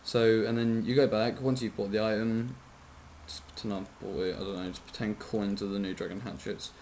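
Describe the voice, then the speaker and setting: A man's voice: fairly low pitch, little pitch movement, a little fast, a little mellow, a little hiss or hum. Sleepy, rambling young-sounding man explaining a game. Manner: rambling, apologetic, self-correcting, swears. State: sleepy, yawning. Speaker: game tutorial maker. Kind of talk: casual screen-recorded game tutorial.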